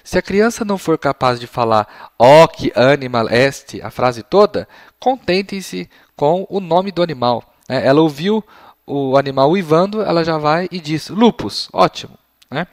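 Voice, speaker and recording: A man teaching Latin for young children to parents, patient and explanatory, his voice slightly failing as he often clears his throat. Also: fairly high pitch, animated, no echo, clean studio sound. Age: adult. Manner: patient and explanatory, models phrases slowly. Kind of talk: explanatory lesson.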